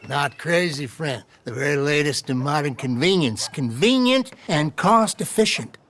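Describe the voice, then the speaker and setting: A high, chummy salesman. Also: animated, measured pace, fairly bright tone. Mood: salesy. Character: slick male house salesman, chummy and smooth-talking. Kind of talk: video game voice acting.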